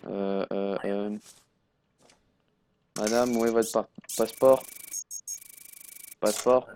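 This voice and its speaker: A man's voice: on the low side, level tone, slow, mellow, a little hiss or hum. A man giving live, joking commentary on a game he plays, reading its text aloud with sarcastic remarks. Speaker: gaming streamer.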